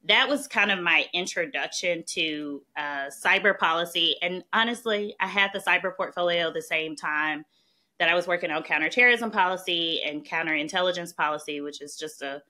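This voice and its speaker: A policy expert from Mississippi with a strong Southern accent guests on a podcast, chattily telling her career story in a conversational interview. Her lowish voice has a forceful, bright edge at a moderate pace, dotted with "um" and "right?"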